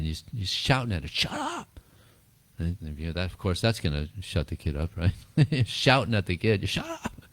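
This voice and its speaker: A man with a deep, low voice teaches a small group in an easygoing, rambling way. He chuckles often and repeats words as he tells stories. The sound is dry and close. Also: dry recording. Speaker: spiritual teacher answering questions. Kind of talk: informal talk and Q&A.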